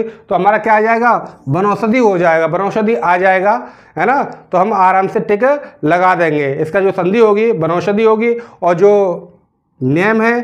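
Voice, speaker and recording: High-voiced teacher explaining grammar. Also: male voice, lo-fi sound. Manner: repeats questions to the class, drags out words while writing. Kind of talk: classroom grammar lesson.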